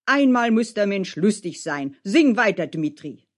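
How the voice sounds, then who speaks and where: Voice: medium pitch, sing-song, a little slow, voice pushed up. Narrator doing a burly proud woodcutter guy, hearty and boasting, storybook. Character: strong, proud male woodcutter. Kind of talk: storybook reading.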